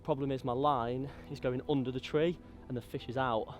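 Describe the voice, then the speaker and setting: A man chatting excitably to his mate while fishing outdoors at a lake. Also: mid-range voice, normal speed, soft background music. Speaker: angler. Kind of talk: casual live chat while fishing. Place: lakeside outdoors.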